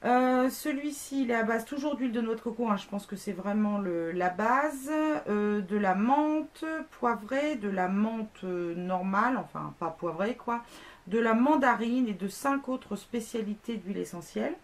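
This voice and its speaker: A woman's voice: on the high side, a little slow. A woman in her thirties, a beauty blogger, chatting casually through a product review with lots of fillers and self-mocking asides. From France.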